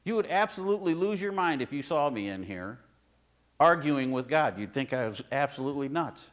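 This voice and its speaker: A man preaching a sermon in his church in a conversational way, swinging between loud emphasis and quiet asides. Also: medium pitch, expressive, fairly quick. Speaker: pastor.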